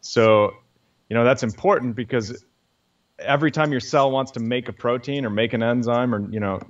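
A man's voice: mid-range voice, normal speed, dull audio. A man, a scientist guest, explaining things patiently in an interview with many fillers.

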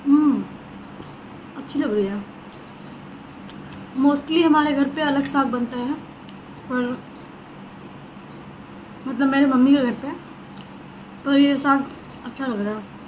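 A woman's voice: sits high, takes it slowly, long pauses, darkish tone, dull audio, slight background noise. A young woman chatting casually in a home vlog, rambling fondly about her pet bird. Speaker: vlogger. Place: home, indoors.

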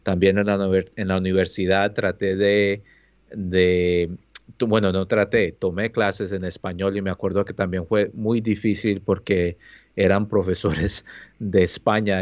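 Low male co-host from Colombia, hesitant and reflective, on a dry, dull-sounding mic. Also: darkish tone, no echo. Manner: thoughtful, hesitant, many fillers. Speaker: podcast co-host. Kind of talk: casual chat.

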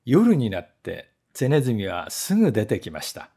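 A man, a voice actor, reading a story aloud in measured, expressive narration. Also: fairly low pitch, breathy edge.

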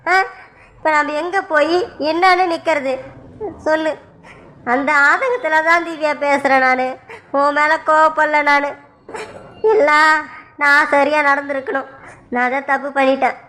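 An earnest, regretful family member in a village family cartoon, voiced by a woman. The voice is high and bright, and the delivery is heartfelt. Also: fairly even intonation, normal speed, pauses often. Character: regretful family member consoling a tearful wife. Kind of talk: Tamil family cartoon voice acting.

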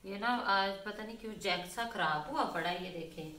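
A woman's voice: mid-range voice, fairly quick, pushed and bright. A woman from Pakistan filming a casual home vlog on her phone, rambling to viewers in one breath and saying "theek hai" again and again. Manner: chatty, says "theek hai" constantly. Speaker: vlogger. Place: home, in and out of doors. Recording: echoey room with faint ambience.

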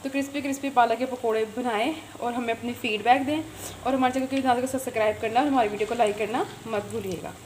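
A chatty woman talks her viewers through a recipe, filmed on a phone camera in her home kitchen. Her voice sits fairly high, and a faint hiss of noise runs under it. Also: fairly even intonation, quick pace, darkish tone. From Pakistan. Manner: chatty, repeats filler phrases, addresses viewers directly. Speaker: cooking channel host. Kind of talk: home cooking tutorial.

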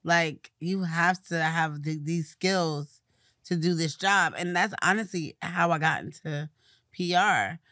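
A woman's voice: lowish voice, takes it slowly, no room sound. Brief: woman guest, light lisp, easygoing interview chat, dry close sound. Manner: relaxed, conversational, fillers like "you know". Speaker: guest, publicist. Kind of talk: casual interview conversation.

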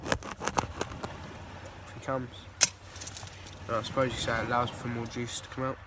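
A young male angler with a bunged-up nose, calmly explaining how he baits a hook on a beach at night. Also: mid-range voice, measured pace. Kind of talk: casual how-to demonstration. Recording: noisy outdoor night beach.

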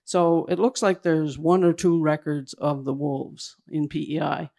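Gravelly, flat-voiced man presenting slides. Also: on the high side. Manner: halting, hurried delivery that keeps restarting its phrases. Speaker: presenter at a public talk. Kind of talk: slide presentation to a live audience. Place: indoor event venue.

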